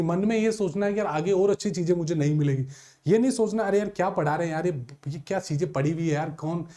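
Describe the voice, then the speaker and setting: Male reasoning tutor, high-pitched and soft-toned, counts aloud and coaxes students. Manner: addresses students as sir and dear children, counts aloud. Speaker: teacher. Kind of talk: exam-prep reasoning lesson.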